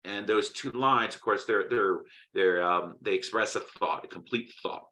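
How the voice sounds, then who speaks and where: Male literature teacher, lowish bright voice, casual lecture, keeps checking in with listeners. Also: moderate pace, rough recording. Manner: conversational, frequent "right?" check-ins and restarts. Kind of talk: recorded poetry lecture.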